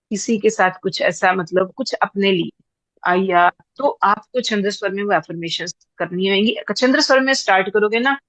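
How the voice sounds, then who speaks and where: A woman's voice: mid-range voice, no room sound, rough recording. A woman teaching a class, explaining patiently and repeating points with everyday examples. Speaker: teacher of breath practice.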